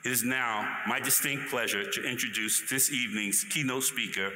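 A man giving a formal, measured introduction of a speaker at a ceremony. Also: medium pitch. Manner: measured, formal, read-out delivery. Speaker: commencement announcer introducing the speaker. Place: large ceremony hall with an audience. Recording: echoey hall, crowd and noise behind.

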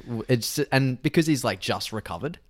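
A man's voice: medium pitch, lively intonation, normal speed. A man co-hosting a podcast, chatting casually about films, swearing and laughing as he animatedly retells scenes. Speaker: podcast co-host. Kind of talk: casual film chat.

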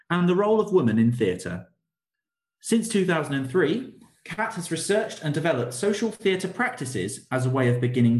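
A man hosting an interview, reading a formal guest introduction and asking measured questions. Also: medium pitch. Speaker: host. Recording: roomy echo.

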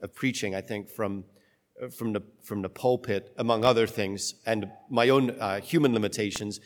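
A man serving as priest reads the gospel and then preaches a homily in a conversational, halting way, with his voice carrying a long cathedral-like echo from the pulpit. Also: medium pitch. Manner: conversational, halting, with many restarts. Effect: long cathedral-like church echo. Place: church, speaking from the pulpit. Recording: long reverb of a large church.

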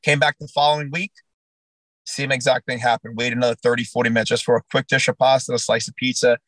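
A man's voice: medium pitch, fast talker, dry recording, low-quality recording. A man with a New Jersey accent, a restaurant owner telling his story in a casual interview and acting out the dialogue. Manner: animated storyteller, acts out quoted dialogue.

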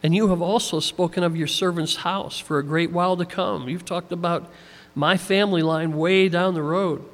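A man preaching a sermon in a conversational, folksy way, full of "you know" fillers, a little tired. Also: on the high side. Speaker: pastor. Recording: long hall reverb.

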